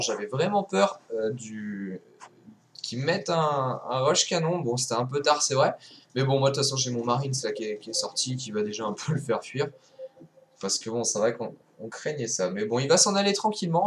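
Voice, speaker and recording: A man's voice: mid-range voice, fairly bright tone, a little hiss or hum. A young man casually commenting his own strategy game match, rambling with lots of fillers and restarts. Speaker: gameplay commentator.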